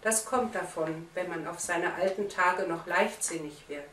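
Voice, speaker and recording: A woman's voice: on the low side, a little slow, fairly bright tone, slight background noise. Woman doing a whiny old iron nutcracker. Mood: self-pitying. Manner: grumbling, self-pitying lament. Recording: roomy, distant mic.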